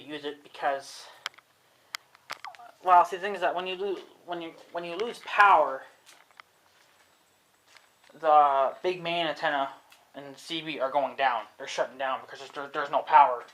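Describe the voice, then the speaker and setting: Pushed and bright, fairly high in pitch, the young vlogger's voice comes through a rough recording. He rambles to camera in a casual way, thinking out loud, uncertain of himself and cursing freely.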